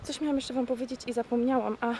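Young woman, highish voice, casual rambling vlog talk, slangy and offhand, handheld camera with clear traffic and travel noise. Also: fairly even intonation, fast talker, warm tone. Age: 20s. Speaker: vlogger. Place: outdoors on streets and platform, aboard a train. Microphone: camera microphone at arm's length.

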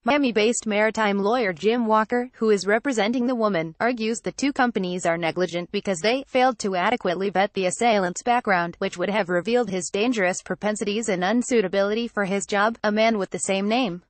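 A woman narrating a news report in a steady, scripted read. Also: medium pitch, brisk, hardly any pauses, no echo.

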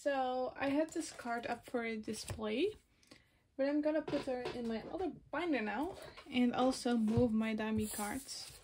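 A woman's voice: fairly high pitch, a little slow, a little hiss or hum. A woman in her twenties from Belgium, a native Dutch speaker, chatting casually and rambling as she sorts photocards. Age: 20s. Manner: rambling, self-correcting, soft-spoken. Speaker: vlogger. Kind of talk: casual chat while sorting photocards. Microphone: phone camera.

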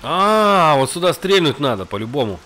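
A man's voice: on the high side, big pitch swings, normal speed, bright, forceful tone. Man thinking aloud over a game. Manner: thinking aloud in short colloquial phrases. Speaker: gamer, let's-play host. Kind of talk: casual improvised gameplay commentary. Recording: faint noise of game rain behind. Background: game ambience with rain.

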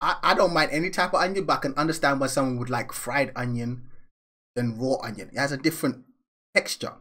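A man's voice: medium pitch, fast talker, bright, forceful tone. A young man hosting a reaction video in casual, teasing, slangy banter, recorded at home on a headset. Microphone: over-ear headset.

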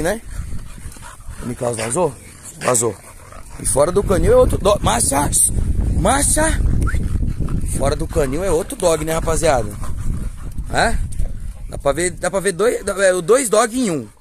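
A man's voice: a little high, slight background noise. A man with a Brazilian Portuguese accent, a dog breeder chatting playfully with viewers and cooing baby talk to his dogs outdoors at a kennel. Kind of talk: casual vlog.

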